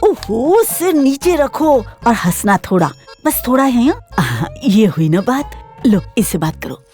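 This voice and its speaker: A woman's voice: on the high side, sing-song, measured pace, darkish tone. A woman dubbing a bossy older grandmother who fusses in a flustered way. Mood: fussing. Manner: flustered, fussing. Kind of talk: Hindi film dub. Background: background music.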